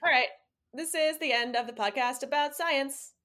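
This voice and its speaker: Woman cohosting a chatty podcast, bit high voice, cracks lowbrow jokes, laughs a lot. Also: moderate pace, sharp tone. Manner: bawdy, self-mocking humor with frequent laughter. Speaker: podcast co-host. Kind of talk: casual chat.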